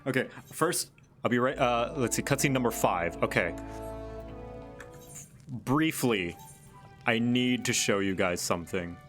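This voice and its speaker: A man's voice: medium pitch, lively intonation, unhurried, pauses often, a bit bright, faint music behind. A man giving casual, playful livestream commentary as a game streamer. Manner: playful, informal.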